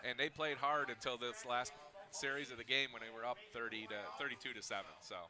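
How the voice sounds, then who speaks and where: A man giving color commentary on a high school football game, chatty and analytical, with easy laughs. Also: fairly even intonation, fast talker.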